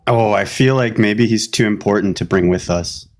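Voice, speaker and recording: A man playing a tabletop game who jokes casually with the table. His voice sits a little low. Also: moderate pace. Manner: joking. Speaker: player.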